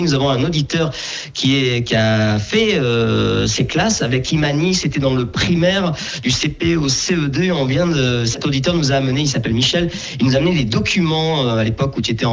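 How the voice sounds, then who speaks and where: Man hosting a live radio interview. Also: mid-range voice. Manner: halting, frequent restarts and fillers. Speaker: radio host.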